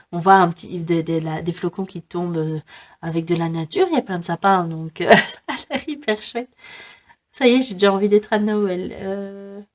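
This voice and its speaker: A woman's voice: lowish voice, darkish tone. Young woman, French accent, casual book vlog, chatty, frequent fillers, light giggles. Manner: chatty, many fillers and giggles, reads blurbs aloud. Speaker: book vlogger.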